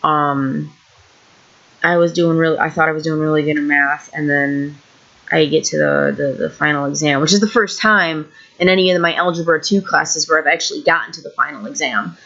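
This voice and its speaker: On a couch indoors, a woman of about thirty from Illinois delivers a frank vlog rant, wandering through her frustrations with self-deprecating humor. Her voice is low and creaky with a slight brightness, steady in tone at a moderate pace, and the sound quality is lo-fi.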